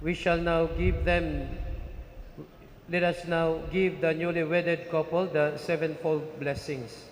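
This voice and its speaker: A man serving as a priest, reciting wedding blessings in a measured, formal way, his voice carrying a cathedral echo through a large church. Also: fairly high pitch, flat delivery, slight background noise. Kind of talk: liturgical blessing at a wedding mass. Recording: echoey church hall, faint ambience.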